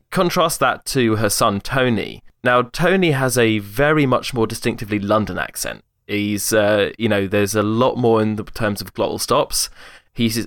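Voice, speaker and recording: A man's voice: lowish voice, fairly bright tone, no echo, studio quality. A young man hosting a casual chat, explaining his points with frequent restarts and eager detail. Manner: hesitant, many restarts, enthusiastic about detail. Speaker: podcast host discussing accents.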